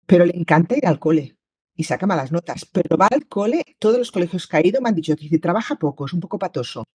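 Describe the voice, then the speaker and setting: Husky-voiced mother telling a story. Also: lowish voice, expressive, fast, warm tone, no echo. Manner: storytelling, conversational. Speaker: parent in the audience. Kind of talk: casual chat.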